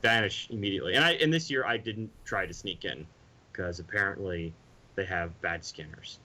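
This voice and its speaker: A man's voice: low-pitched, moderate pace, sharp tone, rough recording. A man co-hosting a podcast, chatting casually and rambling with restarts. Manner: rambling, with restarts and mimicked sounds. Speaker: podcast co-host. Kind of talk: casual chat.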